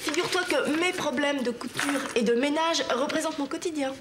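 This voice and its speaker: An actress playing a smug, sharp-tongued young woman who teases and boasts at her sister in a TV sitcom. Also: high voice, brisk, close to an everyday voice. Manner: teasing, boastful, catty. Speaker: sitcom character. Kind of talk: 1990s TV sitcom acting. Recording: TV sitcom audio with background noise.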